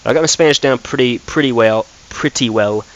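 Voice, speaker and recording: A young man with a mid-range voice talks a little fast, casually commenting while he plays a football game. He thinks aloud as a gaming commentator, full of fillers and restarts, and the sound is lo-fi.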